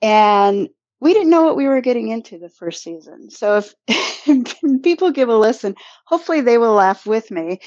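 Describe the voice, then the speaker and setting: A woman's voice: on the high side, expressive, normal speed, a little mellow, no room sound, lo-fi sound. A woman with a Midwestern accent, a podcast host who is the guest in a casual interview, chatty and laughing often.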